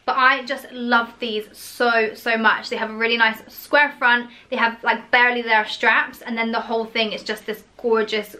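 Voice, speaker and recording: A young woman talks through a clothing haul in a casual, gushing way, stringing thoughts together with lots of "like". Her voice is bright and a touch higher than average. She sounds like a vlogger chatting at home. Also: flat delivery, normal speed, hardly any pauses. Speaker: fashion vlogger.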